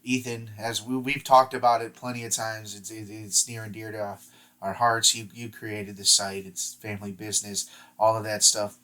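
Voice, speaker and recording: A man's voice: lowish voice, flat delivery, normal speed, pushed and bright. A man co-hosting a casual sports podcast from home over the internet. He rambles and repeats words as he restarts his sentences. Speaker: podcast co-host. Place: at home in Ohio, talking remotely. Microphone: remote podcast mic over the internet.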